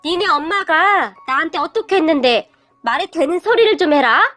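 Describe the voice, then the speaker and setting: A woman's voice: very high voice, animated, moderate pace. A woman voicing a snobbish, wealthy middle-aged mother who speaks with sneering contempt. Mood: scornful. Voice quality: sneering, scornful. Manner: yelling, contemptuous.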